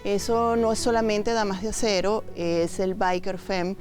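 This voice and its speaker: A woman's voice: medium pitch, a little slow, faint music behind. A Venezuelan woman, founder of a women's biker group, chatting in an interview and acting out the voices in her stories. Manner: lively storyteller, acts out quotes. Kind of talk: casual interview chat.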